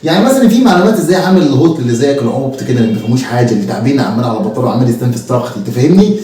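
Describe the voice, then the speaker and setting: A man plays an exasperated Egyptian teacher who lectures at great speed and mocks and threatens his student. His voice is mellow and fairly high for a man. It sounds distant in a strongly echoing room. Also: expressive, rapid-fire, lightly acted. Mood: lecturing. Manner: mocking, threatening, preachy. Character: exasperated, stick-wielding male teacher. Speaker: comic actor. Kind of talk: comedy sketch acting. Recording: echoey room, mic far off.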